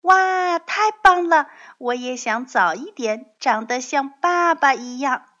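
A woman voicing a small, eager baby dinosaur in a storybook with a high, childlike voice. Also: lively intonation, slow pace, pushed and bright, exaggerated voice. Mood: excited. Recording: dull lo-fi audio.

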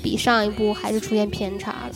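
A woman co-hosting a casual film-review podcast, talking in a relaxed, agreeable way. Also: medium pitch, a little fast, music in the background. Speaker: podcast co-host. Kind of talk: casual chat reviewing films.

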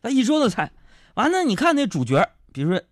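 A man, a radio host telling comic stories in a lively way with asides to his listeners. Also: very high-pitched, dry recording, clean studio sound. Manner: lively storytelling with quick jokes and asides to listeners. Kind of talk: comic monologue.

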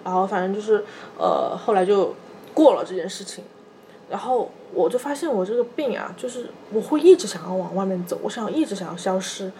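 A woman in her thirties, a podcast co-host, telling a personal story in a soft, halting way, often repeating small fillers. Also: medium pitch, animated, a little hiss or hum. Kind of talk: personal storytelling in casual chat.

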